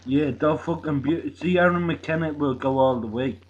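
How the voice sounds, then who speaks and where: A man's voice: on the high side, moderate pace. Crude, swearing man streaming. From Dublin. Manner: crude, rambling, heavy swearing, teasing. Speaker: live streamer. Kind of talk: casual chat with viewers. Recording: muffled lo-fi stream audio, faint hiss.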